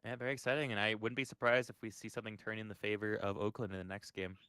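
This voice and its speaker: A man's voice: fairly low pitch, flat delivery, a bit bright, clear, resonant tone, no room sound. A man casting a live esports match, calling plays and breaking down fights. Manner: quick play-by-play, analytical. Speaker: esports caster.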